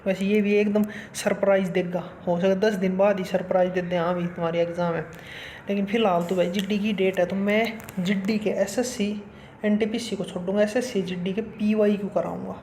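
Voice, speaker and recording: A man's voice: high voice, steady tone, fairly quick, darkish tone, a little hiss or hum. A man giving blunt, colloquial exam-strategy advice as a coaching YouTuber. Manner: blunt, colloquial, keeps saying "bhai sahab".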